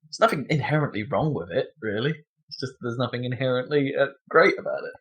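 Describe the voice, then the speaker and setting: A man's voice: medium pitch, expressive, fast talker, fairly bright tone. Chatty man, rambling podcast talk. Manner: rambling, lots of fillers and laughter. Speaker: podcast co-host. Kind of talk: casual chat about video games.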